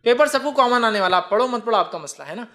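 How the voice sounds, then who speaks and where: High-voiced man explaining Islamic rules. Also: expressive, fast talker, a bit bright. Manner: explains patiently, asks and answers his own rhetorical questions. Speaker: Islamic speaker. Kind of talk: religious Q&A talk.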